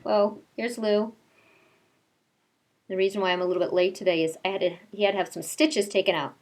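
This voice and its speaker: It's story time for young children, and a kindergarten teacher reads them a picture book in a fairly quick, steady, mid-range voice. She addresses the kids directly, mixing the reading with informal chat.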